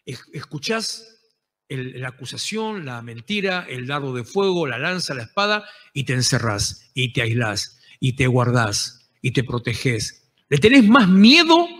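Impassioned Rioplatense pastor preaching. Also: male voice, high-pitched, in a large hall. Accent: Rioplatense Spanish. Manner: impassioned preaching, rising to shouted exhortations. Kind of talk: sermon. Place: church.

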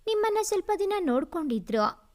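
A woman's voice: very high voice, sing-song, brisk, voice pushed up. A woman voicing a caring young man who tries to reassure a girl in a read-aloud storybook. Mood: earnest.

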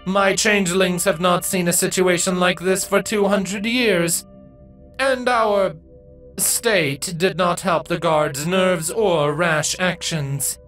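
A regal female changeling queen speaks with measured, courteous poise, as a male narrator raises his voice to play her. Her lines sit well above his plain narrating voice, with a faint bed of music behind. The tone is stately and composed, every word unhurried. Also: sits high, fairly even intonation, a bit bright, voice pushed up, poor audio.

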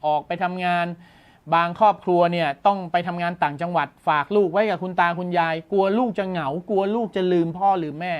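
A man's voice: high voice, fairly quick, clear, resonant tone, muffled recording. A man hosting a tech news show, explaining a gadget in a casual, enthusiastic way and exclaiming often.

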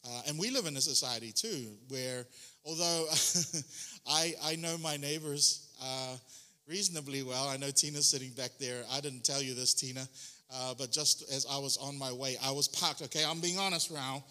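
Bright-voiced New pastor preaching. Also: male voice, mid-range voice, normal speed. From New Zealand. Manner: chatty, self-deprecating, frequent ums and restarts. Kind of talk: sermon.

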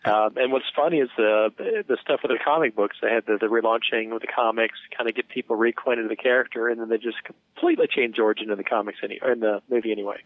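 A man's voice: mid-range voice, fairly even intonation, quick pace, dry recording. A man co-hosting a casual podcast chat in an easygoing, agreeable way. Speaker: podcast co-host. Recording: tinny phone-like sound.

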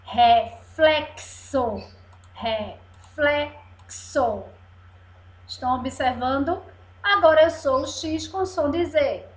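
A woman's voice: sits high, moderate pace. A woman teacher gives a video lesson to young children, patiently drawing out each word syllable by syllable. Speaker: primary school teacher. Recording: echoey room sound.

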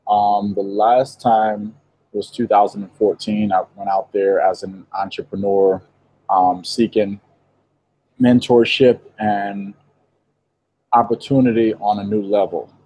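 A young man from Israel, a guest on a video call interview, telling his story in a relaxed way with light laughs, speaking into an earphone mic in a shop. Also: lowish voice, measured pace, rough recording. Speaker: interview guest, vegan baker. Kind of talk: casual interview. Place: indoor shop with green wall. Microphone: earphone headset on video call.

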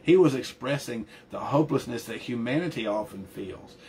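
A man's voice: mid-range voice, expressive, moderate pace, darkish tone, a little hiss or hum. Earnest male pastor preaching a sermon. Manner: earnest, emphatic preaching with frequent restarts and repeated words.

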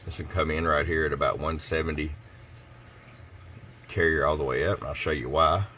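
A man with an extremely deep voice talks through a radio tune-up at his workbench. He is casual and folksy, speaking straight to a customer. A faint hum of the shop sits behind him. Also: steady tone, moderate pace, sharp tone. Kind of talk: casual product demonstration.

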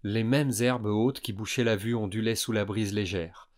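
A man calmly narrating a science fiction audiobook for young listeners. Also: fairly low pitch, moderate pace. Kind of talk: scripted narration.

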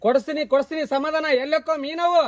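Man playing a rapid-fire fussing father. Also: very high voice, steady tone, no echo. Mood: coaxing. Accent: North Karnataka Kannada. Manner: rapid, scolding yet soothing. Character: fussing father placating his son.

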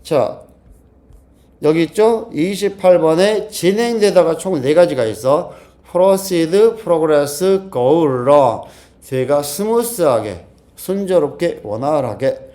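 A man teaching an exam-prep English class, drilling the students and repeating key phrases with quick rhetorical questions. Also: fairly high pitch, animated, warm tone. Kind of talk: lecture.

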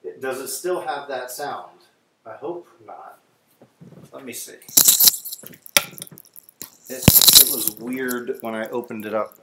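This stream host chats while cooking breakfast, talking to viewers and tweaking his audio setup. He speaks slowly at a medium pitch, pausing often, and sounds far off with a cave-like echo and faint noise.

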